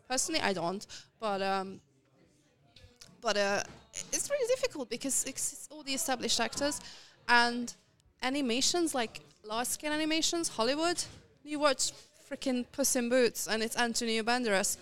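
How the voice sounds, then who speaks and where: A woman who works as a voice actress, talking casually as a podcast guest in animated bursts with frequent restarts. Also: a little high, moderate pace. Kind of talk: casual conversation.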